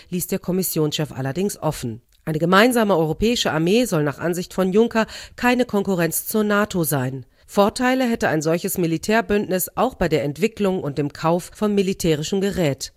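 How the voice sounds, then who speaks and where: Measured woman reading the news. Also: lowish voice, dry recording, clean studio sound. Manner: formal, measured newsreader delivery. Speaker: news correspondent. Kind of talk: scripted radio news report.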